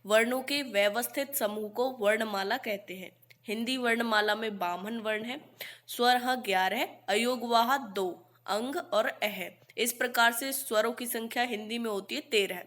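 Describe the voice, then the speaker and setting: Woman teacher going over the alphabet, bright higher voice, says each letter slow and clear, asks then answers her own questions. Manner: recites letters one by one, slow and distinct. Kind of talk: Hindi grammar lesson.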